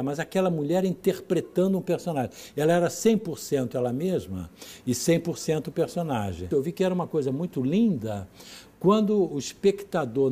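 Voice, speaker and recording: A theatre director, telling stories in an interview and acting out the voices of the people in them. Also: male voice, fairly high pitch. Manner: lively, acts out the voices of people in his stories, laughs mid-sentence. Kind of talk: storytelling in an interview.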